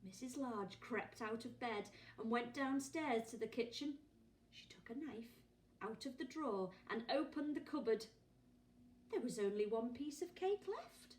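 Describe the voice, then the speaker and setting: Reading a picture book aloud to young children, a primary teacher speaks unhurriedly in a slightly high, somewhat mellow voice with lively intonation. She quizzes her listeners and gasps and whispers for effect. The sound is roomy and distant-miked, with slight background noise.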